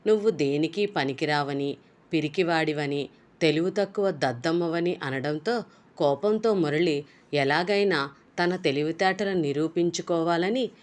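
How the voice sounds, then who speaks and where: A woman summarizing and reading a novel aloud in a steady, plain storytelling manner. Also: sits low.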